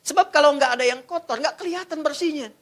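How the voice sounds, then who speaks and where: A man's voice: very high-pitched, fast talker. A middle-aged man preaching a sermon, joking and quizzing his audience as he goes.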